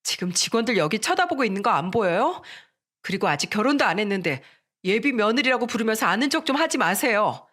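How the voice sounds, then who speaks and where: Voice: medium pitch, big pitch swings, brisk, sharp tone. A storyteller voicing a rude, snobbish young woman about to marry, talking in a curt, scornful tone.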